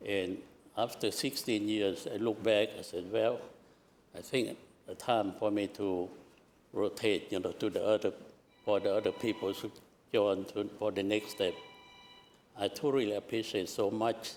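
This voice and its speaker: An older Lao-accented man from southern Laos, retiring as commissioner, says his goodbyes at a public meeting in the council chamber. His voice is fairly low, steady and somewhat dark, with slight hiss or hum, and he hesitates, halts and starts phrases over.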